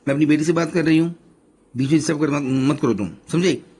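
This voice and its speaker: A man voicing a sharp-tongued middle-aged wife who teases and scolds her husband. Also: mid-range voice, lively intonation, a little slow, breathy edge. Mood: scolding. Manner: scolding, bossy.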